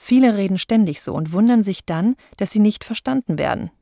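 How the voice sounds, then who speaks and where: A woman speech coach giving a voice training lesson, speaking clearly and deliberately, and slowing down to show how words are stressed. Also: mid-range voice, animated, mellow, dry recording, studio quality. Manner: clear, deliberate, demonstrates stress with slowed example sentences.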